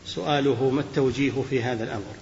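A man reading audience questions aloud to a sheikh in a steady, formulaic way, opening each with a polite address. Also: medium pitch, rapid-fire. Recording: roomy, dull old hall recording with faint hiss.

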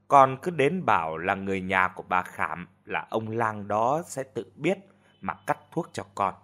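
Man voicing a sharp-tongued scolding mother. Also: exaggerated voice. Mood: stern. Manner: berating, shrill and cutting.

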